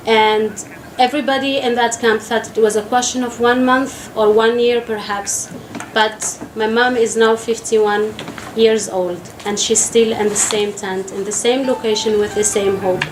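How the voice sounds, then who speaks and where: A woman in her thirties from refugee camps in Algeria, an activist giving a public statement in an earnest, halting way with frequent pauses. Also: a little high, steady tone. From Sahrawi refugee camps in Algeria. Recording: echoey room with faint noise.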